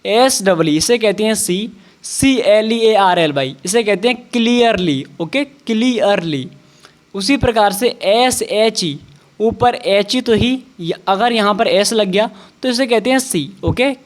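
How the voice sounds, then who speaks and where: A man's voice: high voice, a little slow. A man teaching English reading. He spells each word out letter by letter, then says it. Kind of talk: slow spelling-out English lesson.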